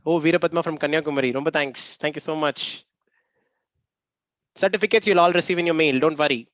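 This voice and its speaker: A man with a high voice and a Tamil Indian accent hosts an online workshop in a chatty, informal way. His speech is full of repeated thanks to participants, and the sound is dry and close, with little room echo. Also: fast, fairly bright tone. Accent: Tamil Indian English. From Namakkal, Tamil Nadu, India. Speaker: workshop trainer and host. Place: online video meeting.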